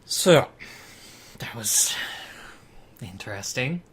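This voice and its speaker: A man's voice: mid-range voice, lively intonation, very slow, husky, in a whisper. A man giving laid-back, rambling commentary while playing a video game. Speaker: gameplay video host. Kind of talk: casual gameplay commentary.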